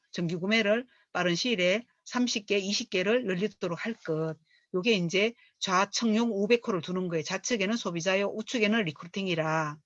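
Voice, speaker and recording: A middle-aged woman reads from a business book and coaches on it. She is a lively storyteller who acts out the lines she quotes. Her voice comes through a dull, dry, lo-fi recording. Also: medium pitch, no room sound. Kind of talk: reading aloud and lecturing on a book.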